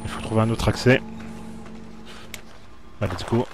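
A man's voice: fairly low pitch, unhurried, noisy background. A man playing a horror video game and commenting live for viewers, jumpy and talking to the screen. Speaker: let's play gamer.

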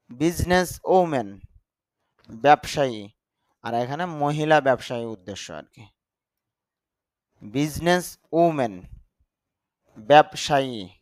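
Slow, deliberate male teacher. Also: fairly high pitch, dry recording. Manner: slow, deliberate word-by-word drilling with explanations. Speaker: English teacher. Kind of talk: vocabulary lesson.

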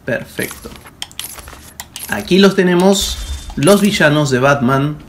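A man hosting a let's play with a slightly high voice. He comments casually, reads aloud and talks to himself informally. There is faint noise behind him. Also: takes it slowly. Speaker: gaming video host. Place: indoor voice-over on game footage.

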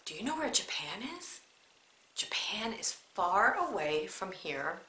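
A young woman leads a children's story time with a bright, clear voice, pitching her words in a lively sing-song. She speaks slowly and encouragingly, as if to small children. The room around her has a noticeable echo. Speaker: children's librarian. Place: library room. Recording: echoey room.

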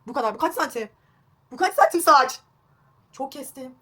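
A woman's voice: high-pitched, lively intonation, normal speed, fairly bright tone. A young woman vlogging a home haircut, chatty and self-mocking, recorded on a phone at home. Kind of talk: casual home haircut vlog. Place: at home indoors.

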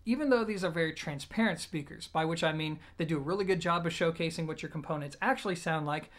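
An audio gear reviewer and host speaks fast in a slightly high, fairly bright voice. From a small indoor room with a plain wall, he reviews a product to camera in an emphatic, conversational, informal and explanatory way.

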